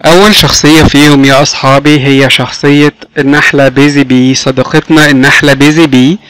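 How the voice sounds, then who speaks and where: A man with an Egyptian Arabic accent teaching English words to small children, repeating each word slowly and praising them as his friends. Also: medium pitch, little pitch movement, a bit bright, clear, resonant tone, no room sound, faint music behind, poor audio. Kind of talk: recorded video lesson for kindergarten.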